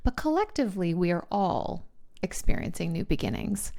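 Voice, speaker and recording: A woman's voice: lowish voice, sing-song, moderate pace, vocal fry, mellow. A woman with a Texan accent co-hosting a casual podcast, talking through astrology in a chatty way with restarts and easy laughs. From Texas. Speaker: podcast co-host. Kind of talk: casual chat about astrology.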